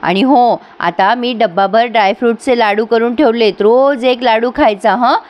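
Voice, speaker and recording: A woman voicing a warm, teasing middle-aged mother-in-law from a TV serial, doting on her son's wife. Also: fairly high pitch, moderate pace, highs cut off, lightly acted.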